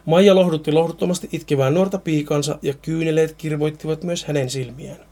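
A man's voice: fairly high pitch, steady tone, warm tone. A man reading a Finnish horror story aloud, now and then stumbling and repeating words.

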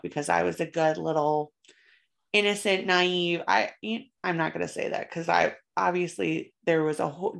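A woman's voice: on the low side, vocal fry. A young woman co-hosting a casual horror podcast, chatty and profane, with lots of fillers. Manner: chatty, swears freely, many fillers. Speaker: podcast co-host.

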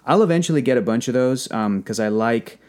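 A man's voice: medium pitch, brisk. A man in casual, enthusiastic podcast conversation, telling stories and acting out little quotes as he goes. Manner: animated storytelling, acts out quotes. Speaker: podcast guest, toy collector.

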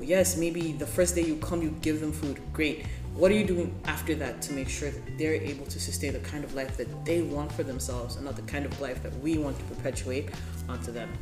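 Candid vlogger from Ethiopia, roomy sound. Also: mid-range voice. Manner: candid, opinionated, with joking asides. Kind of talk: opinionated advice vlog. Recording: roomy sound with background music.

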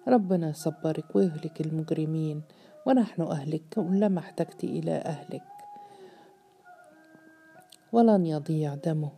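A woman voicing a young man in mourning who speaks calmly and firmly, read in her own low, mellow storytelling voice. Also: gravelly, husky, exaggerated voice. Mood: resolute. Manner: calm, firm, measured. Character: grieving defiant young man, steady leader.

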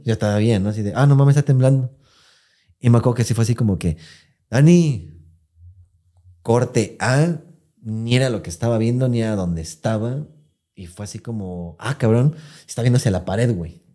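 A man's voice: fairly low pitch, animated, moderate pace, dark tone. A young man with a Mexican accent telling a personal story in casual podcast chat, full of swearing and slang fillers. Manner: profane, slangy storytelling with many filler words. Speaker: podcast host.

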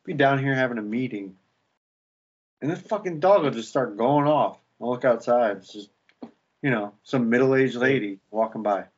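A man's voice: medium pitch, normal speed, husky, highs cut off. A man co-hosting a podcast in casual chat, joking and swearing bluntly. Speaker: podcast co-host.

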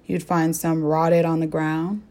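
A woman's voice: sits low, level tone, measured pace, dark tone. A young woman from the American Southwest hosting a faith-based podcast, telling a story earnestly and asking her listeners direct questions. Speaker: podcast host. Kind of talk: faith-based reflective talk.

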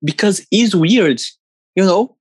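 A co-host in a casual chat who speaks broken English, halting and searching for words, on an earphone mic. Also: medium pitch, lively intonation, a little mellow, breathy edge, no room sound. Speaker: podcast co-host. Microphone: earphone microphone.

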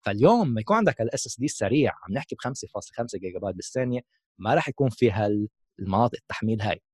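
A man's voice: on the low side, animated, racing, a little mellow, breathy edge, no room sound, clean studio sound. A man with a Levantine Arabic accent giving a casual explanatory tech talk as a gaming host, mixing in English terms.

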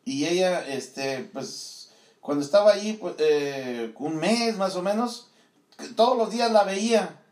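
A man's voice: high voice, expressive, unhurried, a little mellow. Man, morning show host, rambling with fillers, echoey room. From Tierra Caliente, Michoacán, Mexico. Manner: rambling, many fillers and laughs. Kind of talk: casual morning show chat.

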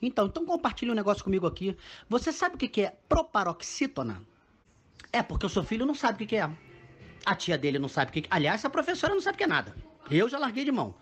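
Fed up dad ranting, sarcastic, high voice, talks real fast. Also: male voice, wildly swooping pitch, fairly bright tone, slightly rough. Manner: exasperated, sarcastic. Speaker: father. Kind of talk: comic rant.

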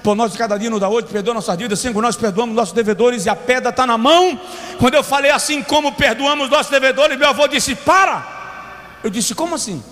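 A pastor preaching a dramatic sermon, slowing down and shouting for emphasis. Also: male voice, very high voice. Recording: long church reverb with faint music.

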